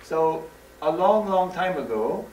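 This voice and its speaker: A man from the West Coast of the United States giving a lively, joking stage presentation in plain, simple English. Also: on the high side, slow, noisy background. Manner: lively, jokey, simple English for a Japanese audience. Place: large hall, recorded from afar. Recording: echoey hall, far from the mic.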